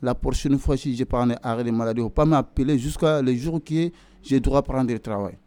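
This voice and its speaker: A man speaks with a warm, darker voice in a close, dry sound. He tells his story as a worker, acting out past arguments with lively emphasis and repeating key points. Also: medium pitch, fairly quick, clean tone, no room sound. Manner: animated, re-enacts arguments, repeats himself. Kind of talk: personal testimony.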